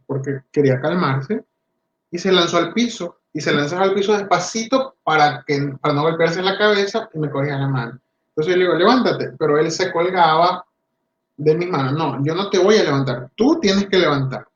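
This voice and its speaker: A male speech therapist giving a talk to parents, animated and acting out the voices of parents and children as he explains. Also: on the high side. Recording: roomy, dull lo-fi audio.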